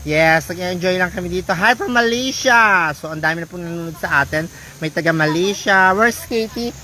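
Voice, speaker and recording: A woman's voice: fairly low pitch, moderate pace. A woman from the Philippines livestreaming outdoors on an island beach, chatting casually and greeting her viewers one by one by name. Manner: chatty, reads out viewer names and shout-outs. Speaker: vlogger on a livestream.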